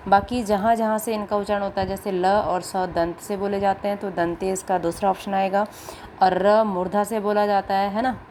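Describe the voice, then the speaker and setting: A woman's voice: mid-range voice, a little mellow, slight background noise, poor audio. A woman teacher giving a grammar lesson to children, patiently asking questions and answering them herself. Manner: patient, asks and answers her own questions.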